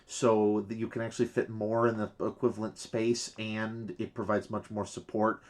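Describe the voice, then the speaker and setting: A man's voice: on the low side, little pitch movement, moderate pace. A man in casual unboxing chat, explaining details at length with frequent fillers. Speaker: co-host.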